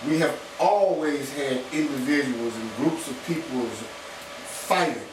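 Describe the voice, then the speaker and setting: A man's voice: medium pitch, a little slow. A man on a radio panel giving opinions emphatically, repeating phrases for stress. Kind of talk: opinionated political discussion. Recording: very echoey, distant, noisy radio.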